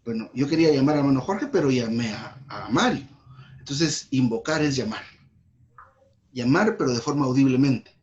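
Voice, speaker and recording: A man with a Guatemalan accent leading a church Bible study, reading verses and explaining them slowly, repeating key words for emphasis. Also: mid-range voice, animated, a little mellow. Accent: Guatemalan Spanish. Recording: dull lo-fi recording.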